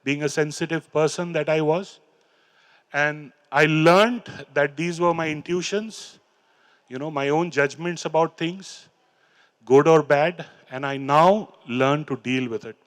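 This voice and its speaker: Holding a mic on a big stage in a hall, a middle-aged Hindi- or Urdu-speaking man shares his personal story of recovery in Indian-accented English, slightly high in pitch. Between poems he stumbles earnestly, restarting sentences and leaning on fillers.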